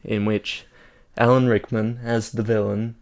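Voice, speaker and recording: A man's voice: lowish voice, level tone, a little slow, darkish tone. A man co-hosting a podcast, chatting casually and telling wry film anecdotes. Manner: wry storytelling with laughs. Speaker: podcast co-host. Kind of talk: casual chat.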